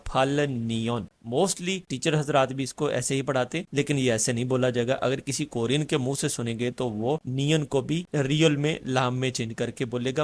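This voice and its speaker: Pakistani man patiently teaching a lesson. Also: medium pitch. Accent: Pakistani Urdu. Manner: patient, repeats example words slowly. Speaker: Korean language teacher. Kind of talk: online language lesson.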